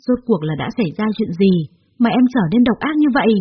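A woman reading the part of a gentle, heartbroken old husband who pleads softly with his wife in an audio story. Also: on the high side, big pitch swings, fast talker, husky, lo-fi sound, voice pushed up. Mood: pleading. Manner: soft pleading tone.

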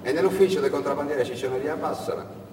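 A man's voice: on the high side, fast, a little mellow, slight background noise. A man telling a story aloud in a dramatic theatrical style. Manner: dramatic, varied delivery. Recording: echoey hall from far off.

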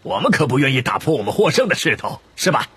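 A man's voice: medium pitch, big pitch swings, quick pace, a bit bright, breathy edge, no room sound, voice pushed up, heavily acted. A man voicing a genteel, proud school ghost who speaks in a prim, proper way, in a storybook reading.

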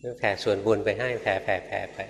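An older man, a Buddhist monk, giving a dharma sermon and telling stories, acting out the lines of the people in them. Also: fast talker. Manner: storytelling, acts out quoted lines, chuckles. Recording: long reverb of a hall, faint background noise.

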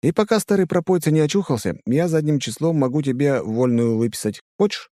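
Guy putting on a cocky teasing space girl, raised voice, warm and dark. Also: fairly high pitch, expressive, brisk, no room sound, clean studio sound, pitched above the performer's own voice, lightly acted. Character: cheeky wisecracking woman spacer.

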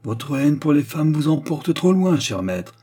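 A man's voice: medium pitch, moderate pace, warm tone, husky, pitched above the performer's own voice, close to an everyday voice. A man voicing a polite but stubborn young man defending himself. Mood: earnest.

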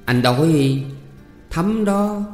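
Storybook: man doing a pushy young heir, Southern Vietnamese accent, teasing, coaxing; reverby room, soft music bed. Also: a little high, expressive, very slow, voice pushed up. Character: young male landowner's son, eager and pushy. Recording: roomy reverb, faint music.

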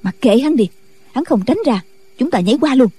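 A woman's voice: sits high, expressive, fairly quick, dark tone, slightly rough, heavily acted. A woman voicing a stern, impatient female Buddhist nun who speaks in curt commands.

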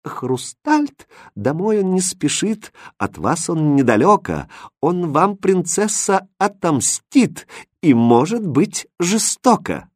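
A man voicing a gossipy magic saucepan in a storybook reading, reciting verses in a slow sing-song. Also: high voice, sing-song, dry recording, studio quality, voice pushed up, heavily acted.

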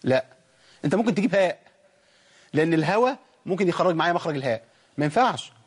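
A fairly high-voiced Egyptian man gives a recitation lesson at a brisk clip, throwing out rhetorical questions and drawing out sung example syllables. His voice is husky. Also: animated. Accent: Egyptian Arabic. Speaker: Quran recitation teacher. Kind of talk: colloquial tajweed lesson with recited demonstrations.

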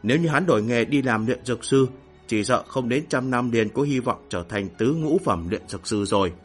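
A man puts on an old onlooker in a storybook audiobook, pitched deep and low. He speaks slowly and thoughtfully, sizing up a fight with quiet authority. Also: animated, faint music behind, close to an everyday voice. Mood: appraising. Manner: measured, thoughtful musing. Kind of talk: audiobook character voicing.

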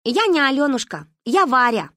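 A high, prim little village girl drawls her words slowly and takes offence easily, voiced by a woman reading a storybook. The voice is a little husky and close to the mic, with no room sound. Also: very animated, sharp tone, no echo, heavily acted. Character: stern village girl in a headscarf.

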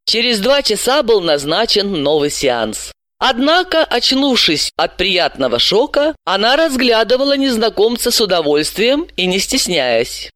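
A woman narrating an audiobook with expressive, ironic storytelling. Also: medium pitch, a little slow, no echo, studio quality. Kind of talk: scripted narration.

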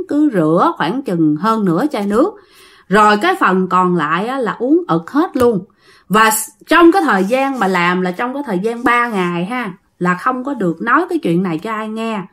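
Woman storyteller, Southern Vietnamese accent, mid-pitched voice; chatty ghost-story host who speaks directly to listeners and drags out repeated words for tension. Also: lively intonation, moderate pace, fairly bright tone.

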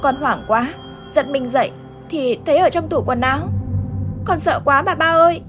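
A woman's voice: moderate pace, music in the background, lightly acted. A woman voicing a frightened little village boy who cries and pleads for his mother in a ghost story. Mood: scared. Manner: sobbing, pleading, high and shaky.

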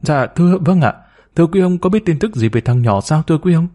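A man's voice: on the high side, animated, a little fast, mellow, pitched above the performer's own voice. A man voicing a timid, humble woman of about forty who speaks deferentially, hesitant and pleading.

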